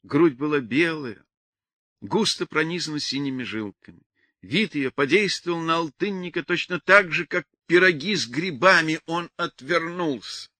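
A man narrating a novel aloud with lively, expressive storytelling. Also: fairly high pitch, moderate pace, dry recording. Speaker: audiobook narrator. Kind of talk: scripted narration.

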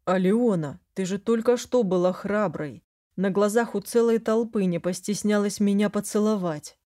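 A woman's voice: mid-range voice, normal speed, dark tone, natural voice. A woman voicing a stern but tender male dragon general in a storybook reading, firm and commanding. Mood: teasing.

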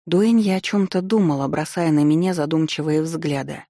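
A woman narrating a first-person audiobook with wry, lively storytelling. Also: low voice, moderate pace, dry recording, clean studio sound.

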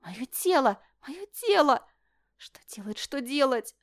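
A woman reading aloud and voicing a haughty, capricious young princess who is imperious and turns shrill when upset. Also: sing-song, normal speed. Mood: hysterical.

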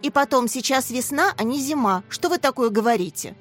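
Woman as a prim doubtful school psychologist, higher pitched, correcting everyone, music soft behind. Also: lively intonation, a little fast. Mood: skeptical.

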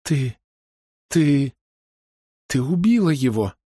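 A man's voice: medium pitch, sing-song, slow, mellow, breathy edge, dry recording, studio quality, pitched above the performer's own voice, full character voice. A man voicing a terrified young woman who sobs and stammers hysterically in an audiobook. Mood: sobbing. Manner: hysterical, sobbing.

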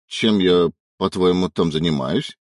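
A man's voice: low-pitched, a little slow, dry recording, studio quality, voice pushed down. A man voicing a grumbling young man with a wry, joking manner in an audiobook.

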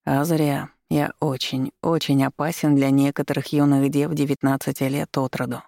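Brief: gravelly, dry-sounding male demon lover, low and unhurried, as the reader puts him on. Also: little pitch movement, mellow, no echo, close to an everyday voice. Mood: teasing. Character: teasing, domineering young male demon lover.

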